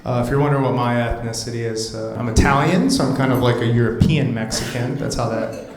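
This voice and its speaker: A man's voice: mid-range voice, quick pace. A man in his thirties doing a brash stand-up comedy set, working the crowd and slipping into mocking voices. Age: 30s. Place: comedy club stage before a laughing crowd. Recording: roomy club sound with loud crowd.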